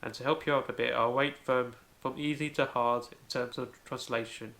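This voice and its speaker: Male tutorial host, gravelly creaky voice, careful step-by-step delivery. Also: medium pitch, fairly even intonation, moderate pace, pushed and bright. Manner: careful, step-by-step explaining with frequent "so". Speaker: language video host. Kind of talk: home-made tutorial.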